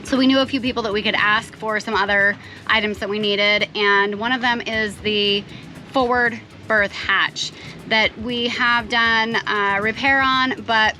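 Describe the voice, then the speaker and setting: Fairly high-voiced North American woman vlogging. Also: fairly even intonation, unhurried, pushed and bright, soft background music. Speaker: sailing vlogger. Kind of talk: casual vlog chat. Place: on a sailboat.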